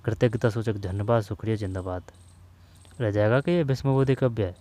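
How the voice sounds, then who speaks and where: A male Hindi grammar teacher with a lowish, warm voice goes slowly through a list of words, repeating them so they stick, and refers to his students as "brother." The recording is dry.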